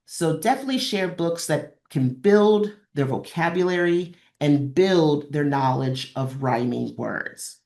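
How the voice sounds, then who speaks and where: A woman presenting to librarians talks in a low, expressive, darkish voice, unhurried yet with few pauses. It's an instructional webinar with examples, delivered encouragingly and with repeated phrases for emphasis.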